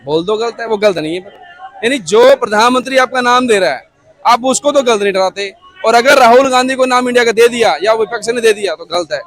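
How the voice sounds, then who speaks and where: A man's voice: extremely high pitch, fairly quick, a bit bright. A man giving his opinion in a street interview, insistent and speaking straight to the listener. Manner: insistent, addresses listener directly.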